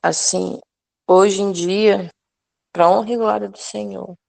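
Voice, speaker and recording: A woman with a strongly gravelly, fry-laden voice gives a personal testimony to a women's prayer group. She talks earnestly and haltingly, restarting her sentences often. Her pitch sits in an ordinary middle range. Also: steady tone, darkish tone. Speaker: participant sharing a testimony.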